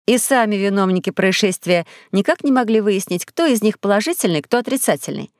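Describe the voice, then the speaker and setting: A woman narrating a children's audiobook in a clear, even reading voice into a studio microphone. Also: medium pitch, fairly quick, dry recording. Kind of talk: scripted storybook narration.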